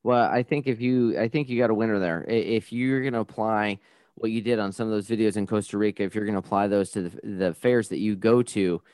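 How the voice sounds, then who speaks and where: A man hosting an interview podcast, encouraging and measured. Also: lowish voice, darkish tone, dry recording, clean studio sound. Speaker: podcast host. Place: studio in Florida.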